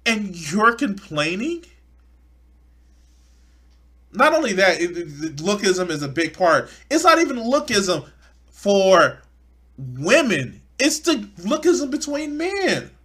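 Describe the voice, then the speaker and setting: A man's voice: sits high, sing-song, takes it slowly, pauses often, fairly bright tone. A man, speaking bluntly and profanely with stammering restarts as he streams an off-the-cuff reaction.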